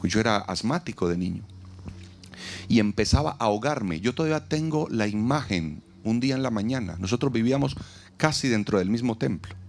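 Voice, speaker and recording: A man preaching a sermon at an outdoor event, taking dramatic pauses and acting out the lines he quotes. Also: fairly low pitch, lively intonation, a little hiss or hum. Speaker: pastor.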